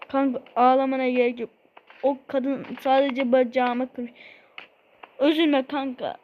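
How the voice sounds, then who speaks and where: A woman's voice: sits high, little pitch movement, a little slow, dull audio, a little hiss or hum. A woman voicing a reassuring female friend who shrugs off her broken leg, in her own plain voice.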